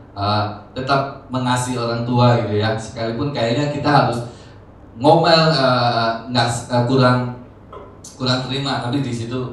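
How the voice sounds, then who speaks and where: A man in his forties, a church leader, tells a personal testimony in a conversational way, full of fillers and growing animated as he retells events. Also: mid-range voice, a little hiss or hum. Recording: echoey hall, mic far off.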